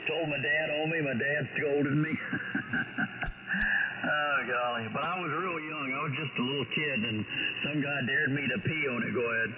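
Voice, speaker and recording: A man's voice: a little high, moderate pace. A man chatting casually in a folksy, rambling way as an amateur radio operator. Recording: noisy, muffled amateur radio link.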